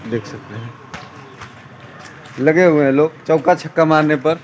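Unhurried and somewhat high-voiced, a young man narrates a chatty walking vlog through a foggy morning, filmed on a handheld phone, forever pointing out the sights to viewers. The poor audio includes clear street noise and passing vehicles.

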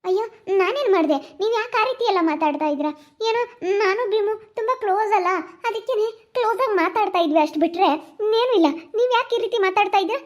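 A woman's voice: extremely high pitch, animated, fairly quick. Woman doing a defiant young village girl. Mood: pleading. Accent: rural Chitradurga Kannada. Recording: muffled lo-fi recording.

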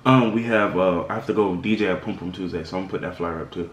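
A man's voice: low-pitched, fast talker, echoey room, a little hiss or hum. A man from the Caribbean, a vlogger and DJ, chatting casually and rambling between bites, talking while eating. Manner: relaxed, rambling, with food murmurs. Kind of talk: casual mukbang vlog chat.

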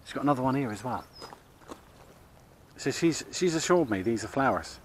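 A man's voice: mid-range voice, animated, normal speed, a little hiss or hum. Chatty man outdoors. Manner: chatty, rambling, many restarts and fillers. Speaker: allotment vlogger. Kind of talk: casual chat. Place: outdoor allotment garden. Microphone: action camera, held or chest-mounted.

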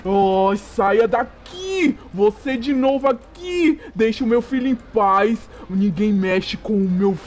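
A man voicing a protective father Tyrannosaurus, fierce and grieving, loud and impassioned. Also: sits high, lively intonation, takes it slowly, hardly any pauses. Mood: furious protective.

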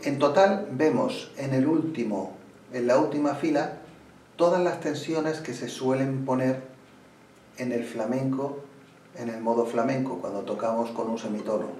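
A man teaching flamenco guitar, explaining slowly and pausing as he plays, sometimes restarting a phrase. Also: medium pitch, mellow. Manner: unhurried, pauses while playing, restarts phrases. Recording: roomy room, mic at a distance. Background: guitar playing.

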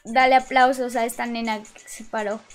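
A woman live-streaming a game, excitable and affectionate with her chat, often shrieking. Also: fairly high pitch, moderate pace, background noise. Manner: affectionate, calls chat love and baby. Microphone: desk mic with webcam. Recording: loud game music behind voice.

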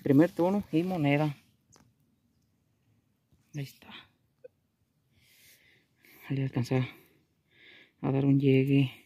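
Out in a rural field, a man narrates his metal detecting outing in a casual, chatty way, calling his viewers companions and filling his talk with fillers. His medium-pitched voice is mellow and slow, with frequent pauses and no echo.

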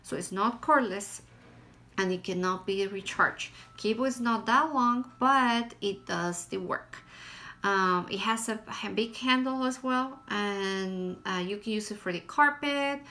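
A Guatemalan woman in her thirties, with a Guatemalan Spanish accent, gives a casual product review as a vlogger from a small room in her home. Her mid-range voice is pushed and bright, moving at a measured pace, and her delivery is plain and hesitant, full of fillers.

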